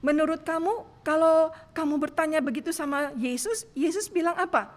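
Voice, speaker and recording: A woman voicing a calm male pastor who counsels with gentle questions. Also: sits high, moderate pace, lightly acted. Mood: patient. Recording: long church reverb.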